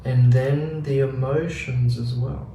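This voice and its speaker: A man giving a casual spiritual teaching talk on meditation, acting out the mind's inner voice in quick asides. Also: mid-range voice, steady tone, warm tone, highs cut off. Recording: roomy, distant mic with faint noise.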